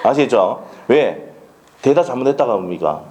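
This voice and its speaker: Speaking in a Gyeongsang Korean accent, a man gives a classroom law lecture that is blunt, colloquial and chatty. His darkish voice is very animated at normal speed, its pitch swinging widely as he fires rhetorical questions and checks that students are keeping up.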